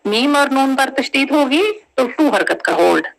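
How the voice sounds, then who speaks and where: A woman teaching Quran recitation rules, drawing out syllables slowly and patiently, often asking her students check questions. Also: high voice, expressive, gravelly, low-quality recording. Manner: drawn-out syllables, patient step-by-step explanation with frequent check questions. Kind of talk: tajweed lesson, slow spelled-out recitation.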